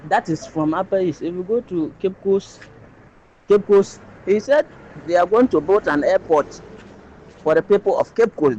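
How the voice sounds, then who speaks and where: A man's voice: sits high, darkish tone, highs cut off. A man speaks through a phone voice message played on air. He presses his point and keeps restarting his phrases. Faint background noise sits under the recording. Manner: insistent, repeats and restarts phrases. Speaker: listener sending a voice note. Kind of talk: political opinion voice note.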